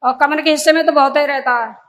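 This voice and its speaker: A woman's voice: high voice, steady tone, quick pace, a bit bright. A woman from Uttar Pradesh calling in to an astrologer, mostly giving brief, agreeing answers. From India, Uttar Pradesh. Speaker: caller. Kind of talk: phone-in consultation.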